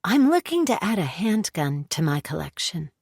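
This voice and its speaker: A woman's voice: on the low side, sing-song, normal speed, creaky, darkish tone, slightly rough, dry recording, clean studio sound, pitched above the performer's own voice, exaggerated voice. A woman narrator voicing a guarded, secretive young woman who gives short, evasive answers in an audiobook. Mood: polite. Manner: terse, evasive replies.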